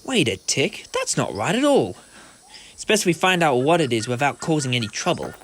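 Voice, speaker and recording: The Doctor, a high, theatrical time traveller played by a man. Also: big pitch swings, normal speed. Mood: assured. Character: eccentric, confident time-travelling explorer, male. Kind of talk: fan audio drama acting. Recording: loud background noise and ambience.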